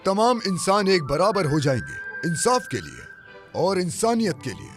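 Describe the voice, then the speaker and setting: A man's voice: measured pace, over music, full character voice. A man dubbing a fearless, devout young preacher who calls crowds to his faith with fervent proclaiming. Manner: fervent proclaiming, lively pitch. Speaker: dubbed film character. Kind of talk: Hindi film dub acting. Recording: film score mixed behind.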